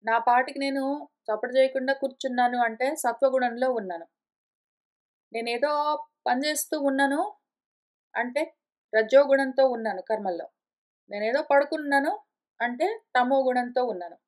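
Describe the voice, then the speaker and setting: High-voiced woman explaining scripture patiently. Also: normal speed, long pauses. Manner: patient, explains step by step with everyday examples. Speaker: teacher of scripture study. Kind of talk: explanatory lecture. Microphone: conference call line.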